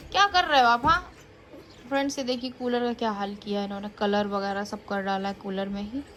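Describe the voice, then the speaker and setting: A woman's voice: medium pitch, a little fast, a bit bright. A young woman, a mother vlogging at home, coaxing and scolding her small children and chatting to viewers. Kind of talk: casual home vlog. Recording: noisy home recording.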